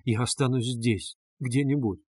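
A man's voice: medium pitch, a little fast, a little mellow, no room sound, close to an everyday voice. Brief: male narrator doing a fretful, pleading mother, dry booth sound. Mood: desperate. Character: anxious, timid middle-aged mother. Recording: dry close studio sound.

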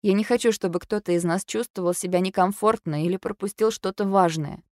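A woman doing a guilty young woman speaking quietly and hesitantly, almost in a whisper. Storybook reading, dry and close. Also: medium pitch, brisk, no echo, lightly acted. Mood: hushed, guilty. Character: young woman, guilty, hushed former best friend.

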